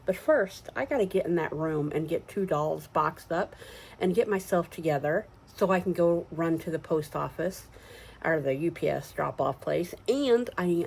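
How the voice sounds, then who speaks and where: A woman's voice: low voice, vocal fry, darkish tone, slight background noise. A woman in her sixties chatting casually to camera in a home vlog, rambling a little and laughing easily. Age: 60s. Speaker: sewing and crafts vlogger. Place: at home and out running errands.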